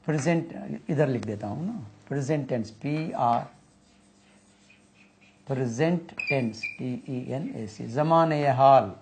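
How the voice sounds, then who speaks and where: Slow man teaching grammar. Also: mid-range voice, noisy background. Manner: slow, repeats and spells out terms while writing. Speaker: English teacher. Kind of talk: whiteboard grammar lesson.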